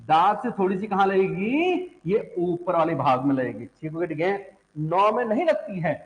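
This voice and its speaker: A man's voice: high voice, very animated, normal speed. A young adult man teaching a class, asking students questions, answering them himself and repeating syllables aloud. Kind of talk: classroom lecture on Hindi phonetics. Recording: echoey classroom.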